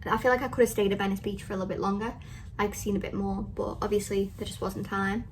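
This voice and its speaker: A woman's voice: medium pitch, flat delivery, quick pace, slight background noise. A young woman recapping a trip in a casual vlog, chatty and full of filler "like"s. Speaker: travel vlogger.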